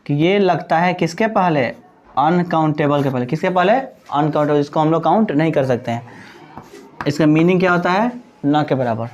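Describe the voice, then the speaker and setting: Man teaching grammar, higher voice. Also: normal speed, a little mellow, lo-fi sound. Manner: explains by asking the class questions and answering them himself; mixes Hindi with English terms. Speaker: English teacher. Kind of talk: classroom grammar lesson.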